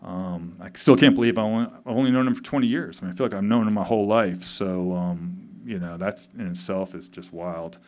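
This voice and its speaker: A man in his fifties, grieving, giving a halting memorial speech full of pauses and fillers at a tavern gathering. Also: low voice. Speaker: eulogy speaker. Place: tavern event.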